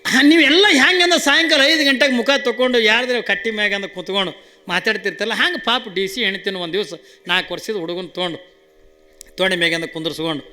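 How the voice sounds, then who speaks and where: A male comic storyteller with a North Karnataka accent, animated and playful as he acts out each character in turn. His voice is high and bright with a sharp edge. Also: quick pace. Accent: North Karnataka Kannada. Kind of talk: folk comedy storytelling.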